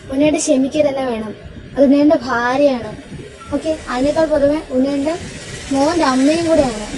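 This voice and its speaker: A woman's voice: high voice, close to an everyday voice. A woman playing an earnest young woman in a home audio drama, steadily reasoning and persuading. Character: earnest young woman pleading with her elder. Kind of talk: amateur audio drama acting. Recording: recording with crowd noise behind.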